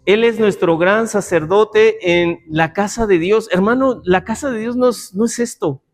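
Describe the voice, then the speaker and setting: A man's voice: high-pitched, measured pace, soft background music. A man teaching a Bible class in a church room, talking conversationally with joking asides and rhetorical questions to his listeners.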